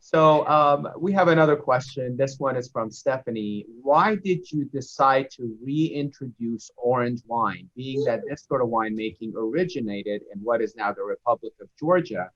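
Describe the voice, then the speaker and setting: A man from Iran hosting an online alumni chat, his voice at a middling pitch. He reads out audience questions and thanks his guests graciously, and the video-call audio sounds dull and lo-fi. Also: normal speed, hardly any pauses, a bit bright. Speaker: event host and moderator.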